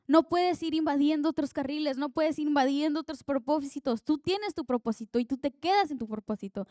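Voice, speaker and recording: A woman's voice: sits high, darkish tone, dry recording, studio quality. A young woman preaching an earnest, conversational sermon that draws on her own life.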